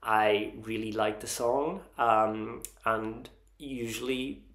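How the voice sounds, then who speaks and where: Gravelly man vlogging in a roomy echo. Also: fairly low pitch, steady tone, slow, a bit bright. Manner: hesitant, frequent ums and restarts; earnest and openly enthusiastic. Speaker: Eurovision vlogger ranking songs. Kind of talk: casual opinion vlog.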